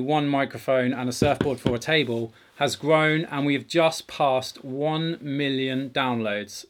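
A middle-aged man hosting a conversational podcast from a home garage, speaking in an earnest, emphatic way. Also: medium pitch. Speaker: podcast host.

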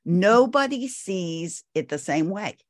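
A woman's voice: mid-range voice, animated, takes it slowly, no room sound, studio quality. A woman in her sixties, a parenting expert guest, giving firm advice and stressing her points by repeating them. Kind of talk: advice interview.

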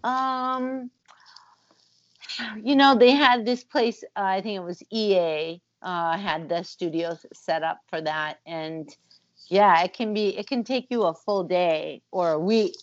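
A woman's voice: medium pitch, unhurried, no echo, highs cut off. A woman, a musician and former voice actor, talking thoughtfully in a casual interview over a video call, with frequent ums and uhs.

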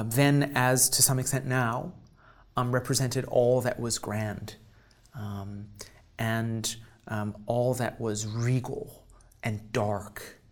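Male music lecturer, mid pitch, thoughtful, halting with ums. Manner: thoughtful, frequent ums, pausing mid-phrase. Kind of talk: lecture on baroque keyboard music.

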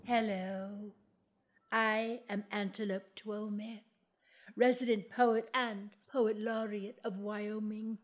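A woman's voice: mid-range voice, steady tone, slow pace. A woman voicing a pompous, grand female poet who recites in a lofty, declamatory way in a comic audio play. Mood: reciting grandly.

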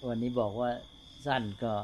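Older man, buddhist monk, slow explaining talk, faint crickets behind. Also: a little hiss or hum. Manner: slow, unhurried explaining with frequent tag questions. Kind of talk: dhamma talk to monks.

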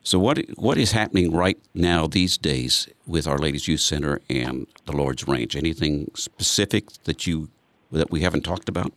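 A man's voice: very deep voice, normal speed, a bit bright, no echo. A man interviewing guests in a chatty way, often restarting his sentences. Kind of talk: conversational interview.

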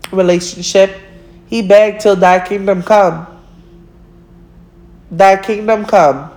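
A woman's voice: fairly low pitch, darkish tone. A woman, giving blunt relationship advice in a casual monologue, swearing freely and laughing at herself.

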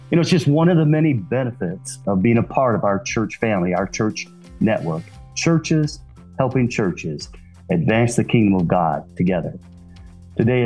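A man's voice: medium pitch, darkish tone. A man hosting a podcast, giving earnest, friendly introductions and welcoming his guest. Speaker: podcast host.

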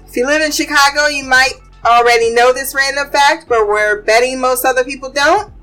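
A high-pitched woman hosts a casual podcast on pop culture and fun facts, sounding bright and forceful. Chatty and blunt, she swears freely and jumps quickly from gossip to trivia over faint music.

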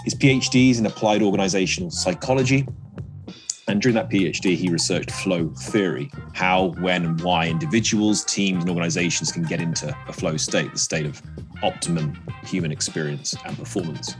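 A man's voice: low voice, fairly quick, music in the background. A man co-hosting a podcast, speaking in a conversational presenting style. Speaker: podcast co-host. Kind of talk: conversational introduction.

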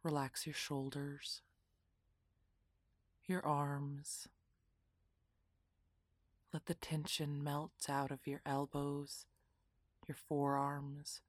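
A woman guiding a relaxation meditation in a soft, half-whispered, soothing voice. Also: low voice, monotone, extremely slow, pauses often, dry recording, studio quality. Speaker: meditation guide.

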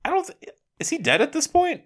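A man co-hosts a casual podcast, ranting heatedly and swearing often. His pitch swings widely and expressively. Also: sing-song, brisk, fairly bright tone. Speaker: podcast co-host. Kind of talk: casual chat.

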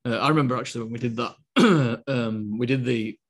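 A man co-hosting a podcast, talking in a steady, not very animated way and hesitating with fillers. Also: medium pitch, a little fast. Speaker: podcast co-host. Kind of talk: casual podcast chat.

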